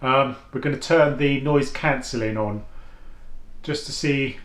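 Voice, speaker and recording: Reviewing headphones in a casual vlog from inside his home, a man speaks in an unhurried, deep voice with a slightly bright quality. He is chatty and thinks out loud, restarting often and filling gaps, and the room is echoey.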